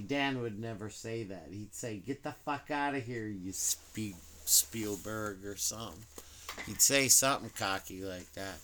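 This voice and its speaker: Slow, halting man dedicating a song. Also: lowish voice, fairly bright tone, slight background noise. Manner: halting and rambling, with long pauses. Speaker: musician introducing a song. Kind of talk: casual spoken song dedication.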